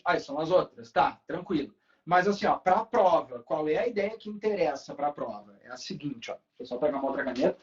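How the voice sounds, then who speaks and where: A man, teaching a Portuguese class in a casual way and checking in with students often. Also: high-pitched. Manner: casual, talks to students with frequent tag questions. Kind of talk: online class lecture. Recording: dull lo-fi recording.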